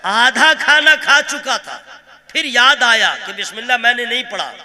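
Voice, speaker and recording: A male preacher from Kolkata giving a humorous sermon, teasing the audience and chanting verses in a slow melody. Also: very high-pitched, sharp tone. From Kolkata, India. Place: religious gathering with a pulpit.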